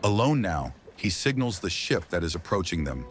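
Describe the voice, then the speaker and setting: A man narrating a movie recap in a steady, even summarizing tone. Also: deep voice, normal speed, soft background music. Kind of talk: scripted narration.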